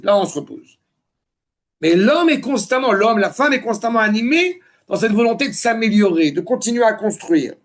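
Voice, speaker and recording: A man giving a religious lesson, reading Hebrew phrases and explaining them in French, repeating and rephrasing with emphasis. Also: sits high. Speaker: religious teacher giving a Torah class.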